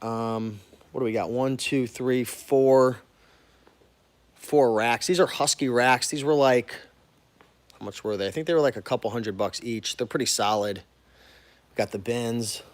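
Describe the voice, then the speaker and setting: An American man talking informally and directly to viewers in a casual walk-through vlog, as a business owner showing his workplace. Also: mid-range voice. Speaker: online reseller and business owner hosting a warehouse tour.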